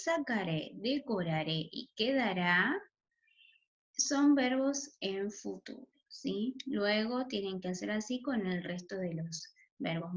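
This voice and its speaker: A woman's voice: mid-range voice, fairly bright tone, lo-fi sound. A woman teacher walks children through a spelling lesson, often checking in with a questioning "¿sí?". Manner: checks in with a questioning "¿sí?" after each point.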